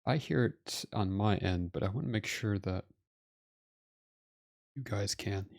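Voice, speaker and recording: A man with a lowish, unhurried voice and some vocal fry chats casually with viewers on a live game stream, joking at his own expense and talking straight to chat. He uses headphones with a desk mic, and soft music plays in the background.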